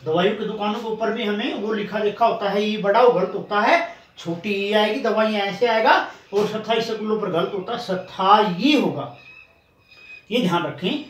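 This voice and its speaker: A man with a high voice teaches spelling to a class. He breaks words into slow, drawn-out syllables and explains each rule step by step. He sits some way from the mic in an echoey room with faint noise behind. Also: far from the mic. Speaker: Hindi coaching teacher. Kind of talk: classroom spelling lesson at a board.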